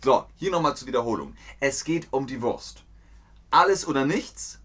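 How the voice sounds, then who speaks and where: A German teacher with a medium-pitched, expressive, slightly bright voice teaches idioms slowly and clearly. He repeats phrases and acts out little scenes in playful put-on voices.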